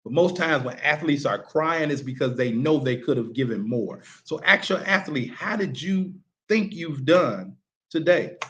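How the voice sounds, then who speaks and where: A man's voice: fairly high pitch, animated, unhurried, a bit bright. A male basketball coach giving a casual, motivational talk to sports parents, repeating rhetorical questions for emphasis. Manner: casual, colloquial phrasing.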